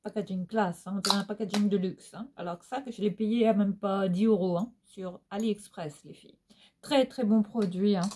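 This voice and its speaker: A middle-aged woman with a lilting Réunionese Creole accent talks her viewers through empty beauty products. Her voice sits at an ordinary middle pitch, and she keeps the chat loose with fillers and little tag questions, recorded at home. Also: normal speed, a little mellow, a little hiss or hum. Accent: Réunionese Creole French. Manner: chatty, many fillers and tag questions, sing-song. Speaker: beauty vlogger. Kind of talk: casual product review chat. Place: at home, indoors.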